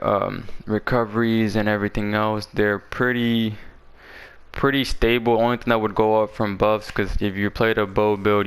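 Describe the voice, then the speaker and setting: A man's voice: fairly low pitch, fairly bright tone, clean tone. A man talking casually and in slang as he presents a game build guide, his voice a little parched from being sick. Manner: informal, slangy talk.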